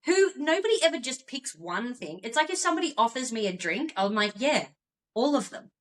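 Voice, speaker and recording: A woman's voice: fairly high pitch, a little fast. A woman co-hosting a casual chat podcast, telling stories and acting out what people say. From Australia. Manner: animated storyteller, acts out quotes. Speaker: podcast co-host.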